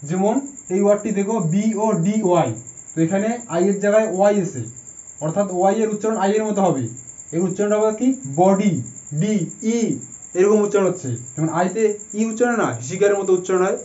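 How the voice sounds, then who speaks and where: A man's voice: high-pitched, quick pace, mellow. A man teaching English spelling rules in a patient manner, spelling words out letter by letter. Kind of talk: explaining a lesson step by step. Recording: dull, echoey room.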